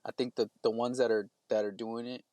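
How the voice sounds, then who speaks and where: Casual podcast guy, mid-pitched voice, rambling and halting, dry close sound. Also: little pitch movement, mellow, no echo. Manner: rambling, halting speech with many restarts.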